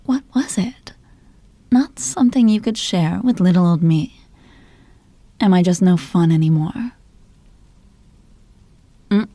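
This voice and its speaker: Woman acting a dark-voiced possessive girlfriend in ASMR role-play. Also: fairly low pitch, no room sound. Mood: teasing suspicion. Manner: slow, teasing, interrogating murmur. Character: possessive, jealous rich girlfriend, teasing and controlling.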